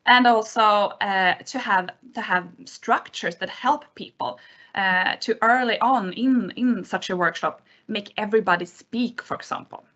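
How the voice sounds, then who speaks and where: A woman speaking as a webinar panelist, haltingly piecing her suggestions together. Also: mid-range voice, bright, forceful tone. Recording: slightly dull, lo-fi webinar audio.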